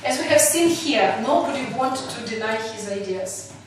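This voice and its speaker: A woman with a Russian accent leads a group exercise as teacher, explaining the rules haltingly and searching for words in English. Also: a little high, expressive. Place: echoey room with a group. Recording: distant, very echoey, noisy room recording.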